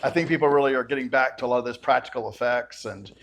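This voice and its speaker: A man's voice: mid-range voice, fast talker, fairly bright tone, slight background noise. A man in casual podcast conversation, talking at length with enthusiasm and telling stories. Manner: talkative, enthusiastic storyteller. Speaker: podcast guest, film critic.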